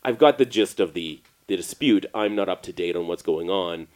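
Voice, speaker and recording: Laid-back low-voiced man telling a story. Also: normal speed. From Canada. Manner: laughing, animated storyteller who voices people in his anecdotes. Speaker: podcast co-host. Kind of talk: casual storytelling chat.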